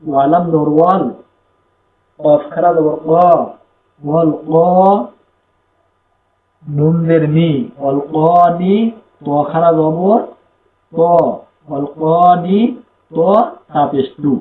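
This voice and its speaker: A man teaching Quran reading, with a Bangladeshi Bengali accent, spelling out letters and vowel marks and blending them slowly into syllables. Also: a little high, steady tone. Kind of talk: slow spelling-out recitation lesson. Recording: echoey room, tinny phone-like sound.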